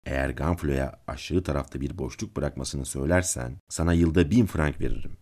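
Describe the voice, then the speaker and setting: A man's voice: very deep voice, a little fast, darkish tone. Urgent, scheming noblewoman, as a man reads her. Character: desperate, scheming noblewoman, the count's wife.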